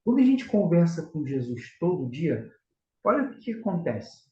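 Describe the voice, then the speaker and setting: A man from Rio de Janeiro, Brazil, with a Carioca accent teaches a religious lesson on prayer, earnestly exhorting his listeners and calling them brothers. His voice is slightly high, dark-toned and sing-song at a moderate pace, recorded in an echoey room with slightly dull sound.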